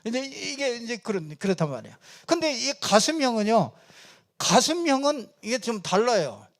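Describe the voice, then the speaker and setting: A male pastor gives a loose, conversational sermon from the pulpit. His voice sits high for a man, and he talks in an animated, rambling way, full of fillers and with frequent small chuckles. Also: normal speed. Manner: chatty and animated, many fillers, chuckles often. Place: church pulpit.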